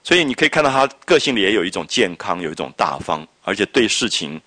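A man giving an animated classroom lecture on a classic novel, explaining and reading out quoted dialogue. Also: lowish voice, quick pace, no echo. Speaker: literature lecturer.

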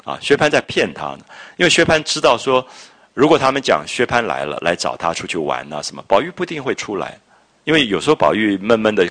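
A man lecturing on a classic novel, retelling scenes and explaining old phrases in a chatty, lively way. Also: fairly low pitch, fast. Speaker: literature lecturer. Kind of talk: storytelling literature lecture.

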